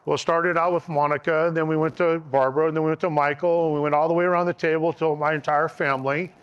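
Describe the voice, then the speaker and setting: A man's voice: fairly high pitch, level tone, quick pace, smooth, lo-fi sound. A middle-aged man casually telling his engagement story, rambling with fillers and restarts.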